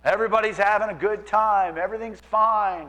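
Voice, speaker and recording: A man preaching a sermon as pastor, animated and acting out quoted voices. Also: sits high, a little fast, rough recording.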